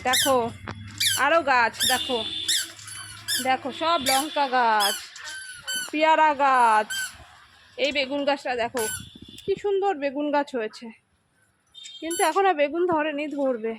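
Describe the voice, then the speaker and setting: A woman's voice: high-pitched, a little slow, long pauses. A woman recording a casual home vlog on a phone outdoors, showing viewers around and often asking them to look and answer questions. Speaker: vlogger. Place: outdoors on a home rooftop garden. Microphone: handheld phone. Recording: handheld phone recording with clear background noise.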